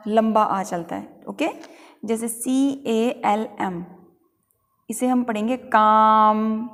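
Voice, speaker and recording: A woman's voice: fairly high pitch, in a large hall. A woman teacher giving a pronunciation lesson, spelling out words letter by letter and asking learners to repeat after her. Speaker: English teacher.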